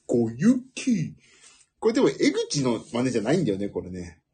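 A man talking alone in a loose, rambling way, his voice breathy and very husky. His pitch swings widely as he goes, rising high when excited and sinking low in asides. He laughs at his own jokes. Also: normal speed. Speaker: podcast host. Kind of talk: casual solo chat.

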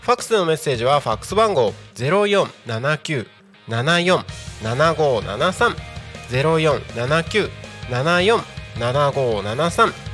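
Bright, upbeat man hosting local radio. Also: on the high side, measured pace, soft background music. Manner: bright, upbeat announcer delivery with relaxed chatty asides. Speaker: radio host. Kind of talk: live community radio talk. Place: small local radio studio.

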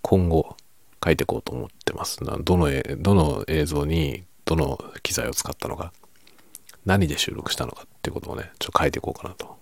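A male video host murmurs through a soft-spoken late-night chat at a fairly quick pace, keeping his volume down and at times nearly whispering. The voice is extremely deep, gravelly and husky with a creaky edge, and the close recording is dry.

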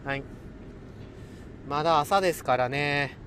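A man's voice: a little high, unhurried, fairly bright tone, slight background noise. A man hosting a casual solo livestream, chatting playfully with listeners and laughing often. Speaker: livestream host.

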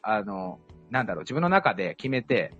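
A man's voice: on the low side, brisk, husky. A man with a Kansai accent, a liqueur maker telling stories in a casual live chat, laughing often. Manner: lively, laughing, storytelling with dialect. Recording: dull lo-fi live stream with faint music.

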